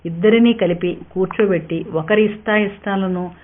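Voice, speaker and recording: A woman's voice: medium pitch, moderate pace, a little hiss or hum. Woman narrating a story, tinny sound. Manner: steady, even reading. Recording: tinny narrow-band sound.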